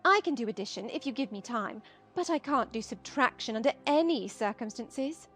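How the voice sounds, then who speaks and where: A woman's voice: a little high, lively intonation, moderate pace, a bit bright. A woman playing a foolish, good-tempered, fluttery queen, earnest and childishly proud, in an audiobook drama. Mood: proud, confiding. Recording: music behind the voice.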